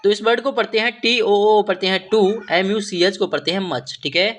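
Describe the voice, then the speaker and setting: A man giving a spoken vocabulary lesson, spelling each English word letter by letter and repeating its meaning in Hindi with a steady "okay". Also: sits high, fairly quick. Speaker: English teacher.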